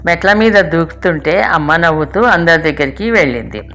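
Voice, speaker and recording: Calm older woman narrating a memoir. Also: deep voice, moderate pace. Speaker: storyteller. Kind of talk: reading a childhood memoir aloud. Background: faint music.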